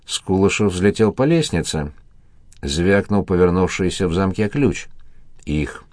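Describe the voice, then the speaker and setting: Deep-voiced male audiobook narrator. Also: lively intonation, measured pace, a little mellow, no room sound, clean studio sound. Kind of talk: scripted narration.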